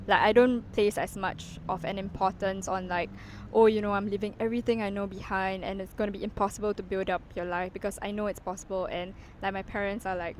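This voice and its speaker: A woman's voice: medium pitch, a little hiss or hum, poor audio. A woman, talking casually to camera as a vlogger, full of "like" and "you know", walking around as she speaks. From Singapore. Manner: chatty, heavy use of "like" and "you know" fillers. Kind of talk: casual reflective vlog talk.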